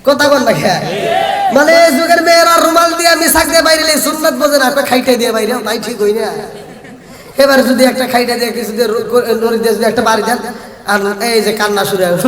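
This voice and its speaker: A man with a Bangladeshi Bengali accent giving a fiery Islamic sermon, chanting, singing and shouting his lines. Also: very high-pitched, fairly even intonation, fast. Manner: chanting, melodic and shouted preaching. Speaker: Islamic preacher. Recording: echoey hall sound from far off.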